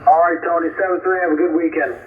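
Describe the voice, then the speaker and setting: Give me a man on a ham radio call, coming through a receiver with narrow, tinny, phone-like sound. His voice sits a little high. He is friendly and keeps the exchange short, trading call signs and signal reports. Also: fairly even intonation, fast, slight background noise. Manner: friendly, brief on-air exchange. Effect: heard over a ham radio receiver. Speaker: amateur radio operator answering a call. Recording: thin radio-band audio.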